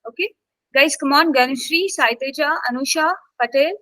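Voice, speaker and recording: A woman's voice: high voice, moderate pace, bright, forceful tone, dry recording, poor audio. A woman instructor teaching a live online English class. She keeps checking in with "okay?" and coaxes her students to speak up.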